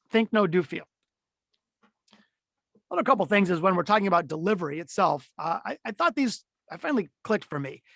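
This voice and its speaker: A middle-aged man teaching a webinar on storytelling in a conversational, animated way, with frequent fillers and restarts, and his voice swinging up and down as he demonstrates. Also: high voice, no echo, studio quality. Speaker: keynote speaker teaching a webinar.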